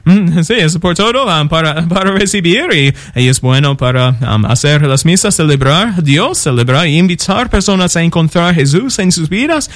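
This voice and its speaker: A man's voice: a little high, animated, a bit bright, dry recording. A man from Nebraska, a parish priest whose first language is English, speaking with an American accent and many fillers and restarts as a radio guest. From Nebraska, United States. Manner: halting second-language speech with fillers and restarts.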